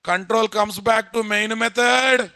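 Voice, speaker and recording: A man's voice: high-pitched, fairly even intonation, measured pace, pushed and bright, no echo, studio quality. A man with an Indian Telugu accent giving a live programming lecture as an instructor, repeating phrases and constantly quizzing his listeners.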